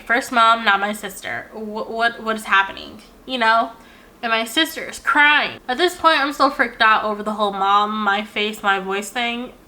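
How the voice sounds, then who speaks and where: A young woman telling a personal story in a casual, animated way, swearing often and filling her talk with "like". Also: a little high.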